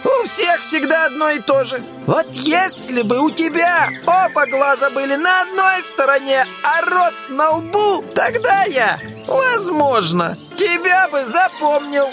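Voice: sits high, lively intonation, a little slow, long reverb tail, voice pushed up. A narrator voicing Humpty Dumpty, a grumpy, boastful egg who recites verse rudely, in a storybook audiobook with music behind. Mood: dismissive. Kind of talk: audiobook character voice. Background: background music.

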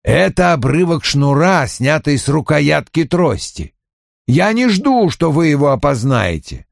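A man voicing a haughty, deliberate older male detective, reading an audiobook in a measured, lecturing manner. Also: a little high, very animated, gravelly, dry recording, studio quality, voice pushed up, exaggerated voice.

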